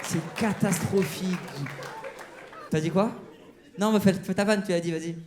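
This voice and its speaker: A man's voice: sits high, fairly even intonation, moderate pace, darkish tone, a little hiss or hum. A man doing stand-up crowd work on a comedy club stage, teasing the audience with mock-outraged banter. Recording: live show with crowd laughter.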